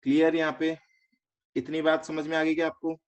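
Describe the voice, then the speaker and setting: This fairly high-pitched man with an Indian accent keeps a level tone while leading an online finance class. He walks through the material step by step, tosses quick check questions to students, and blends English terms into his explanation. The recording is slightly dull and lo-fi.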